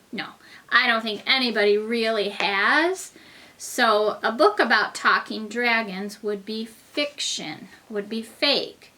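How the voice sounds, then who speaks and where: A woman's voice: mid-range voice, sharp tone. A woman teaching a reading lesson to young children, explaining things simply and patiently like a kindergarten teacher talking to little ones.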